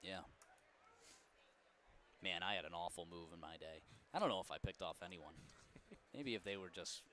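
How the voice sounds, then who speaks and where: A man calling baseball play-by-play in a folksy, joking way, and he gets loud when the big plays come. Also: low-pitched, normal speed, slight background noise. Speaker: play-by-play announcer.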